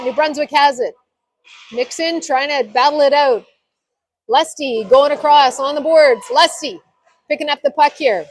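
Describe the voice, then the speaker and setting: A woman with a high voice gives live hockey commentary. She calls the play in short, clipped phrases as a play-by-play announcer. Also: no echo.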